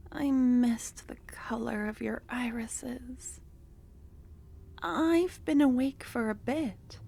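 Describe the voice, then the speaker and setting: A woman voices a possessive, obsessive young cultist for an ASMR fantasy roleplay, her soft, breathy half-whisper coaxing and soothing. Pitched on the high side and heavily acted, she comes across as tender and teasing.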